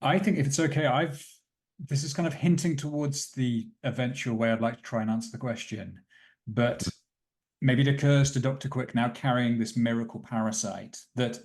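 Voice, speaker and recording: A man playing a tabletop roleplaying game thinks aloud, narrating his character's actions in a thoughtful, deliberate way. His voice is mid-range and a little mellow.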